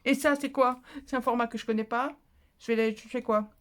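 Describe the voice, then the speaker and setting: A woman's voice: fairly high pitch, fairly even intonation, fairly quick. A woman vlogging casually as she opens craft mail at home, chatty and easily moved, full of exclamations. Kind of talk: casual chat while opening mail.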